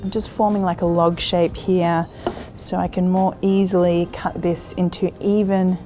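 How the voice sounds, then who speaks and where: An Australian woman in her thirties hosts a cooking demonstration, talking through a recipe step by step with easy encouragement and frequent laughter. Her voice sits on the low side with a level tone, a little slow, and music plays in the background.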